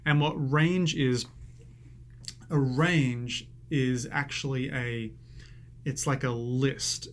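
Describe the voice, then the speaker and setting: A man's voice: mid-range voice, a little hiss or hum. A man teaching a coding lesson over a screen recording, chatty and self-amused, thinking aloud as he types.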